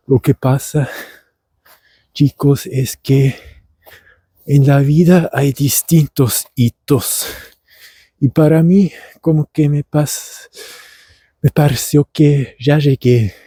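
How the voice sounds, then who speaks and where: Slow and dark-voiced, this male language teacher and podcaster uses Argentine Spanish learned by a German speaker for a rambling comedic monologue set outdoors at dusk. His medium pitch carries a breathy edge, and his theatrical, meandering style has lots of fillers and restarts. There is no room sound, and the audio is clean, studio quality.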